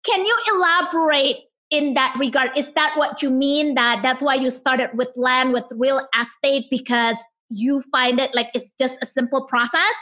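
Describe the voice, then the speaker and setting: A woman hosting a business podcast, reading a scripted intro and asking interview questions in a measured way. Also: high voice, steady tone, sharp tone, no room sound, clean studio sound. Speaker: podcast host.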